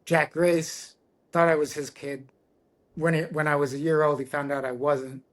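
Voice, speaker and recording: A middle-aged man, a guest on a podcast, telling a personal story in an earnest, reflective way with halting restarts. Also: a little high, level tone, a bit bright. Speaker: guest, tattoo artist.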